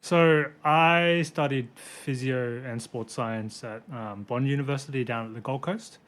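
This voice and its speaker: A man's voice: medium pitch, unhurried, a bit bright. Chatty young Australian man. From born in Hong Kong, raised in Brisbane, Australia. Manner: chatty, laughs easily, self-deprecating asides. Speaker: physiotherapist guest. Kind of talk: casual podcast chat.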